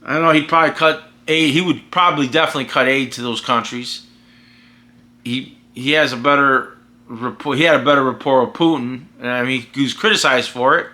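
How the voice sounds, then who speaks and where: An American vlogger and podcaster speaks in a mid-range, slightly fast voice with a sharp edge. He holds forth in a casual, opinionated monologue, talking emphatically, rambling, and often restarting his sentences.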